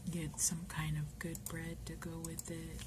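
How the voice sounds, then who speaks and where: A middle-aged woman whispering a casual, confiding ASMR ramble, slipping now and then into a soft voice. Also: monotone, a little slow. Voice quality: mostly unvoiced whisper, breaking into soft low voice. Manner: rambling, confiding, often saying "you know". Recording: noisy, keyboard typing and clicking. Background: typing and clicking sounds.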